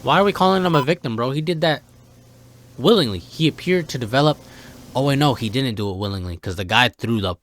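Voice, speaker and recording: Calling the viewer "bro" again and again, a man reacts on video in a slangy, incredulous way, reading some text aloud along the way. His medium-pitched voice is animated and a little fast.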